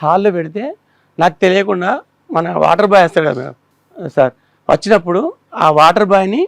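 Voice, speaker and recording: A man's voice: high voice, fairly quick, gravelly, dry recording. A man in his thirties telling a studio panel about trouble with his wife, pleading, rambling and repeating himself. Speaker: complaining husband. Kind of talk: pleading account on a family-dispute show.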